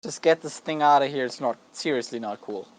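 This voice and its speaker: A man's voice: mid-range voice, fairly quick, low-quality recording. A man on a casual podcast, dismissive and crude, waving the topic away. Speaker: podcast guest. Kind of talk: casual chat.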